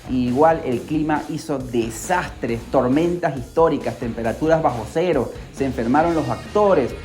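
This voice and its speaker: A Peruvian podcast host with a mid-range, slightly mellow voice tells a story in a casual, animated way, with music playing behind him. He throws in rhetorical questions and asides to his listeners.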